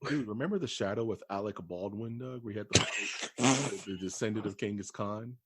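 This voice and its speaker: A man co-hosting a podcast in casual, rambling chat, with a deep, bassy voice. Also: fairly quick, very noisy. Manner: laid-back, rambling, calls his friend dude and dog. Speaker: podcast co-host.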